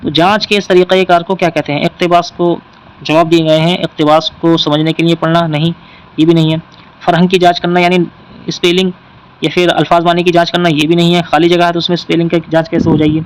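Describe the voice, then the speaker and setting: A man's voice: fairly high pitch, level tone, clear, resonant tone, poor audio. A man teaching an exam-prep lesson, working through questions and patiently repeating the key points.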